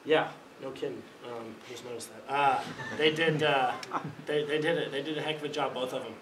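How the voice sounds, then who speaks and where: Young male athlete, rapid flat delivery, restarts phrases constantly; roomy press room, mic at a distance. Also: medium pitch. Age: young adult. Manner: halting, repeats words as he restarts phrases. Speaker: college quarterback. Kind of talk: postgame press conference answers. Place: press conference room, indoors. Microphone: table mic in front of him. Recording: echoey room, distant mic, background noise.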